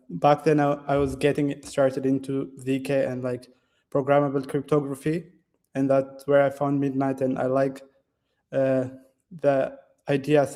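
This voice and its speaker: A young Ethiopian man in his twenties, appearing as a guest developer, answers interview questions in a classroom. His medium-pitched, mellow voice comes out in halting phrases with many fillers and restarts.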